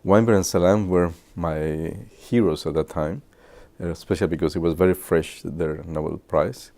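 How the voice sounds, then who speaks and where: Deep gravelly man reminiscing. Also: fairly even intonation, mellow. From Guatemala. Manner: halting, with many filler pauses. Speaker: physicist. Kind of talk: reminiscing talk to students.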